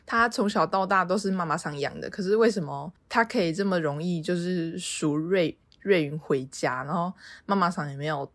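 A woman's voice: on the low side, moderate pace, few pauses, dry recording. A woman with a Taiwanese Mandarin accent hosting a podcast, casually retelling a story in a chatty way with many filler particles. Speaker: podcast host.

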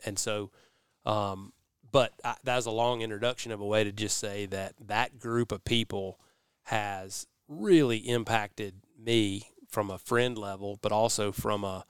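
A man's voice: lowish voice, steady tone, a little slow, clear, resonant tone, dry recording, studio quality. A man hosting a podcast in a casual, conversational style, talking in a folksy, rambling way. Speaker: podcast host. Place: warehouse.

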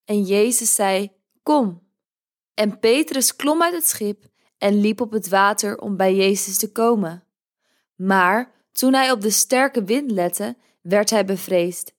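A woman with a medium-pitched voice hosts a podcast, reading a scripted devotional in a gentle, measured, calm way.

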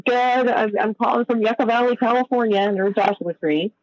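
A man calling in to a radio show, heard over the phone, rambling and halting with many fillers. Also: very high-pitched, no room sound. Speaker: caller. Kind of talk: call-in radio chat. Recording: muffled phone-line call.

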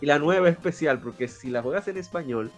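A man's voice: a little high, lively intonation, fairly quick, soft background music. A man from the Dominican Republic with a Dominican accent, a guest on a podcast, chatting with enthusiasm about games. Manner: enthusiastic, acts out quoted voices. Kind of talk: casual podcast chat.

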